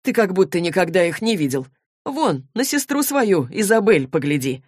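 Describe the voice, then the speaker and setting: A woman's voice: fairly low pitch, big pitch swings, moderate pace, a little mellow, breathy edge, dry recording, studio quality. A woman reading as cocky young male demon hunter. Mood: mocking. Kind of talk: audiobook reading.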